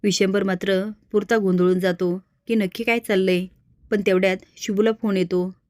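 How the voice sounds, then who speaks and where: A woman narrating a drama recap in an even, steady retelling. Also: mid-range voice, normal speed, no echo, clean studio sound. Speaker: storyteller recapping a serial. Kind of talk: scripted story narration.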